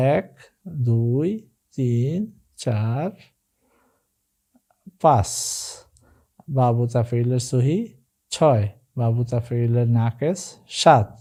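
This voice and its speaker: Mellow-voiced man teaching Arabic grammar. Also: mid-range voice. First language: Bengali. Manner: chants word forms in slow drawn-out recitation, then explains plainly. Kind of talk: recorded grammar lesson.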